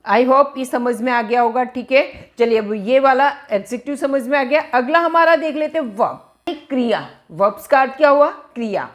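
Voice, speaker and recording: A woman's voice: high voice, animated. A woman teaching English grammar in Hindi, explaining each term and checking understanding with repeated questions. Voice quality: slow, careful reading of English example sentences. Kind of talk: grammar lesson.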